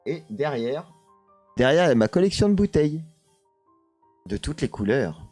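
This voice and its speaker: A man's voice: a little high, very animated, brisk, a little mellow, no echo, soft background music. A man with a French accent hosting a casual live stream, hesitant with many fillers, reading chat comments aloud and answering them.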